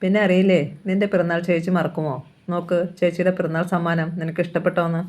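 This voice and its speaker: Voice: medium pitch, little pitch movement, fast, darkish tone, close to an everyday voice. A reader voicing a young woman, a caring and teasing elder sister, in a novel reading.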